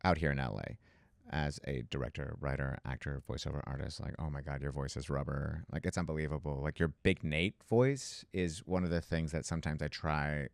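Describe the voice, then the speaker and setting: A man's voice: rumbling low, a little fast, gravelly, no echo, studio quality. A man hosting a theatre podcast, chatting with enthusiasm and gushing about the shows. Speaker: podcast host, theatre reviewer. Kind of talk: casual chat.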